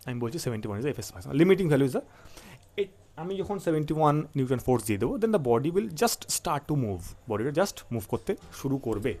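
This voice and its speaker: A man's voice: mid-range voice, sing-song, a little fast, darkish tone. A man with a Bengali accent teaching physics. He mixes Bengali and English, asks questions and answers them himself, and keeps checking in with listeners. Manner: repeats key points and checks in with listeners. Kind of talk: classroom-style lecture.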